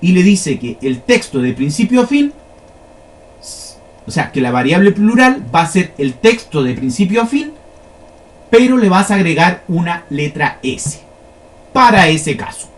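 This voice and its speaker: A man's voice: sits high, sing-song, measured pace. A man teaching a lesson, explaining step by step and often checking that his listeners follow. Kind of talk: classroom lesson on flowcharts.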